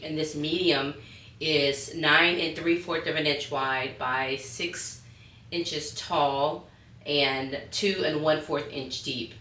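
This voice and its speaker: Craft vlogger, woman, low-pitched with a hoarse smoker's rasp, bubbly and chatty, roomy sound. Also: sharp tone. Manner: bubbly, gushing. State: hoarse from being sick. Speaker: host of bag-sewing tutorials. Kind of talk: casual chatty craft vlog. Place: small indoor craft studio. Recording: roomy echo, background hiss.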